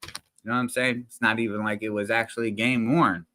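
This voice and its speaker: Speaking into a desk mic that occasionally peaks, a reaction channel host rambles to his viewers in slang, full of fillers and restarts. His voice is on the low side, pushed and bright, with a level tone and brisk pace.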